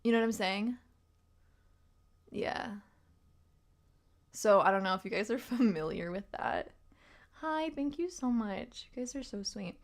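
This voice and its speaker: A young woman hosting a casual livestream, chatting in a rambling way and laughing often, her voice a little tired and rough. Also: medium pitch, lively intonation, takes it slowly, long pauses. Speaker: livestream host and tarot reader.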